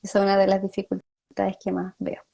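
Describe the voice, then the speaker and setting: A woman speech therapist talks through a live-streamed chat. Her voice is mellow and low in brightness, with a gravelly fry. She explains patiently and slips into the voices of the parents she quotes. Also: monotone, a little fast. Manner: explanatory, acts out parents' words.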